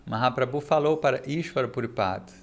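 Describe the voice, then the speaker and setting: A man's voice: mid-range voice, a little fast, a little hiss or hum. A man giving an earnest, emphatic spoken translation of a religious sermon, often repeating phrases. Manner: earnest, emphatic preaching with repetitions. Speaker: translator of a spiritual discourse. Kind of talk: interpreted sermon.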